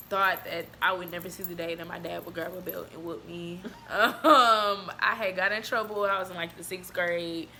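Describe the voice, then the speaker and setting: Woman, 20s, podcast co-host, bright tone, animated storyteller. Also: lowish voice, a little hiss or hum. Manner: animated storytelling, laughs often. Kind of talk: casual chat.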